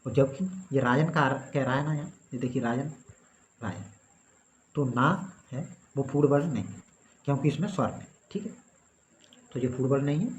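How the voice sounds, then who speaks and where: A man's voice: on the high side, darkish tone. A man teaching a grammar lesson. He explains step by step and keeps checking in with his students. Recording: slightly dull recording with faint background noise.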